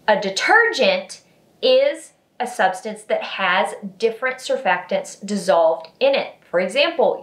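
A woman's voice: a little high, reverberant. A woman explaining hair care ingredients in a chatty, giggly, self-deprecating vlog style.

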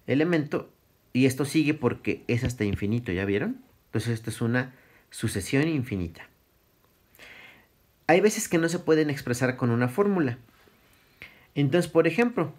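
A man's voice: mid-range voice, darkish tone. A middle-aged man, giving a casual recorded math lesson, thinking aloud and correcting himself as he goes. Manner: casual, self-correcting, thinks aloud, chuckles at his slips. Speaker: math teacher. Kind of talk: recorded classroom lecture.

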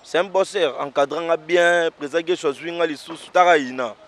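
A stage comedian and actor tells his story in a casual interview, talking in animated bursts that drop into quiet asides and climb to loud exclamations. His voice is fairly high and his delivery brisk.

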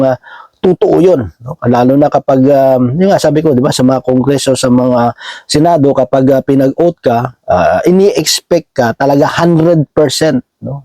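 A man preaching in a casual, conversational way, often ending his phrases with a questioning "no?" and reading verses slowly. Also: medium pitch, mellow, no echo, low-quality recording. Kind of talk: Bible teaching, casual sermon.

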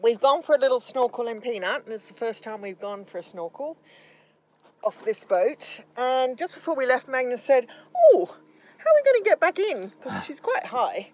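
Holding her phone out for a selfie shot, this middle-aged sailing vlogger talks happily from the deck of her sailboat, laughing frequently. Her fairly high, slightly mellow voice is very animated and moves at a moderate pace, though the recording is rough.

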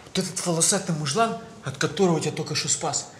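Man voicing a dopey, highish-voiced cartoon street lad. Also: quick pace, fairly bright tone, reverberant, a little hiss or hum, lightly acted. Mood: smitten, breezy. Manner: slangy, naive, breezy. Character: dopey, carefree young street lad, lovestruck and naive. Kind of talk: animated comedy dialogue.

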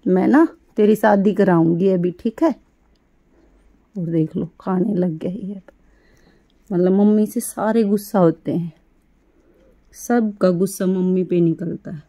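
A middle-aged woman talking baby talk to her pet rabbit, coaxing and doting in a sing-song way with soft laughs. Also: on the low side, unhurried, pauses often. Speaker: pet vlogger caring for rescued animals.

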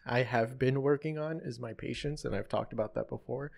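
A man's voice: medium pitch, fairly quick, vocal fry, a little mellow. A man co-hosting a podcast in casual chat, telling stories loosely with lots of fillers. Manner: loose, filler-heavy storytelling. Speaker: podcast co-host.

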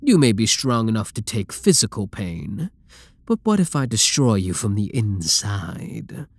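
A man heavily acts the part of a dominant, obsessive supervillain gloating over a captured hero, in a scripted ASMR roleplay monologue. The clean studio recording has no room sound, and his lowish voice is breathy, husky and sing-song. Menace runs through his slow, possessive speech, which often drops to a whisper.

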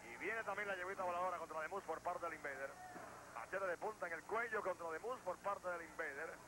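Lucha libre announcer guy, high voice, emphatic play by play, noisy old 80s tv tape. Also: fairly quick. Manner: emphatic, running blow-by-blow calls. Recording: noisy, degraded 1980s TV tape.

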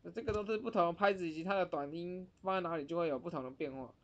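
Teacher, woman, lowish voice, patient drilling of syllables, dull lo-fi recording. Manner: repeats words slowly, drawing out sounds. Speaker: Japanese teacher. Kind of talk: pronunciation lesson.

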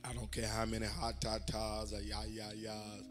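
A man's voice: fairly low pitch, completely flat delivery, normal speed, soft background music. An older man preaching a sermon as bishop in a church, folksy and full of amens, building to emphatic exhortation. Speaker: bishop and pastor. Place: church sanctuary.

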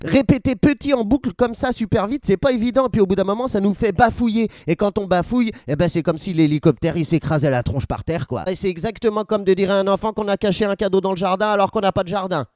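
A man's voice: high voice, fast, hardly any pauses, a little mellow, dry recording, clean studio sound. A man from France teaching a comic beatbox tutorial, playful and clowning with mock-indignant outbursts.

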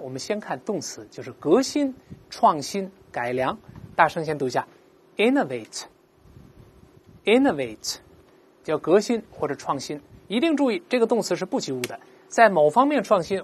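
This woman's voice sits on the low side, with a sing-song quality and a slight hiss or hum. Teaching English vocabulary, she explains patiently, pronounces words slowly for students to echo, and asks "right?" often.

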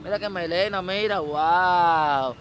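A man's voice: high voice, slow pace, fairly bright tone, slight background noise. A man with a Dominican accent, interviewing someone on the street in a playful, teasing way.

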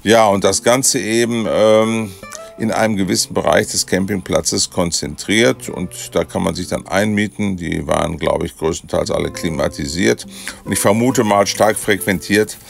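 Deep gravelly man touring a campsite. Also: normal speed, soft background music. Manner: relaxed, chatty, many hesitation fillers. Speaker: motorhome travel vlogger. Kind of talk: casual campsite tour voice-over.

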